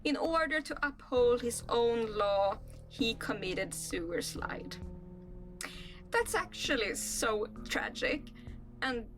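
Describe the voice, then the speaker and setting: Young Swedish-accented woman vlogger, unhurried and slightly high-pitched, musing reader. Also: lively intonation, a bit bright, soft background music. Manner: rambling, musing asides between read-out passages. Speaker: channel host. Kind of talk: casual reaction vlog, reading aloud.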